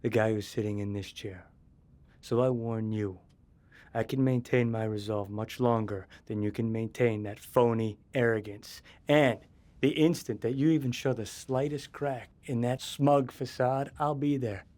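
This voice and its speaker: An actor playing a gruff, exasperated federal agent, curt and confrontational, in a naturalistic film style. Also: male voice, mid-range voice, fairly even intonation, measured pace, darkish tone, close to an everyday voice. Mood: threatening. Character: gruff, exasperated male FBI agent interrogating suspects.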